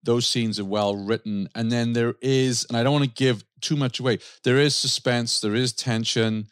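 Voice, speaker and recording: A man's voice: medium pitch, fairly even intonation, moderate pace, clear, resonant tone, no room sound, clean studio sound. A man hosting a podcast, giving a casual, enthusiastic book review with frequent restarts. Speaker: podcast host.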